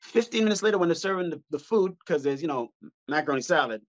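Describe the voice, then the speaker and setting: A comedian from Montreal telling stories on a podcast, acting out the people in them. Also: male voice, fairly high pitch, quick pace. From Montreal, Canada. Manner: animated, acts out the people in his stories. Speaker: comedian guest. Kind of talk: podcast storytelling. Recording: dull lo-fi sound.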